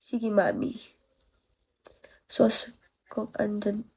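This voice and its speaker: Slow, creaky teen girl livestreaming. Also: medium pitch, steady tone. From Philippines, from Baguio. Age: 19, late teens. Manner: chatty, greets and thanks viewers by name, playful questions. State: has a cold, tired and achy. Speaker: livestreamer, college student. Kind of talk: casual livestream chat greeting viewers.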